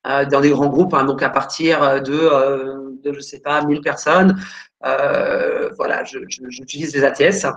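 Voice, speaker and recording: A woman's voice: low voice, lo-fi sound. A woman career coach answering questions live on a video call, hesitant and full of fillers while searching her files.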